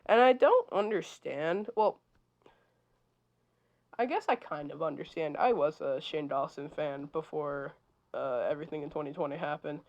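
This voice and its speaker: A woman talks casually while drawing, her voice stuffy and nasal from a cold. She rambles and halts, sometimes sinking almost to a whisper, and her pitch sits somewhat low. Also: lively intonation, darkish tone. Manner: rambling, halting, drops to near-whispers. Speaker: digital artist.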